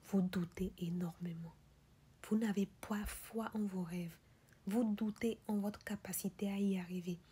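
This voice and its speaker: Female motivational speaker, very husky and whispery, mellow tone, insistent questions and refrains. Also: medium pitch. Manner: whispery, breathy delivery. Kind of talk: motivational speech.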